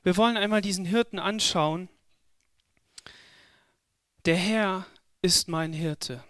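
A man preaching a sermon at a church service, speaking slowly and emphatically and repeating words for stress. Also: high-pitched, fairly bright tone, no echo, clean studio sound.

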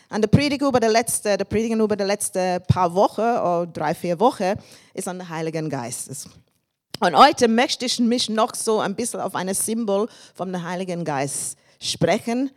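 A woman in her fifties from England, with an English accent on her second language, preaching as a guest and sharing personal testimony with laughs and shouts of praise. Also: mid-range voice. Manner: warm and thankful, with frequent laughs and praise shouts.

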